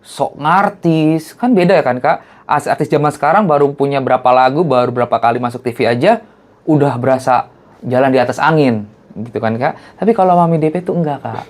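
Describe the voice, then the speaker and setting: A man, a guest in casual chat, telling stories and acting out quotes. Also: brisk. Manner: chatty storyteller who acts out quotes in a high voice.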